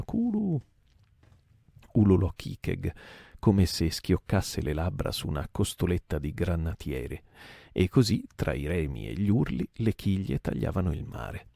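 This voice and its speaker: A man reading a classic novel aloud as a calm, sleep-inducing narration, with occasional small restarts. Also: low voice, creaky, dry recording, studio quality. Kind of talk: soporific audiobook reading.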